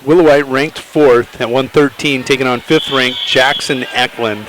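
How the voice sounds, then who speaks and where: Male play-by-play announcer for wrestling, middle-pitched voice, chatty and upbeat. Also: fairly even intonation, moderate pace, noisy background. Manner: upbeat, chatty, laughs easily. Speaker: wrestling commentator. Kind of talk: play-by-play commentary.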